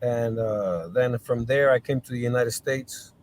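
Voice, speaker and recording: Man from colombia, guest in a casual interview, thoughtful, pauses and restarts. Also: medium pitch, a little hiss or hum. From Colombia, raised in Miami.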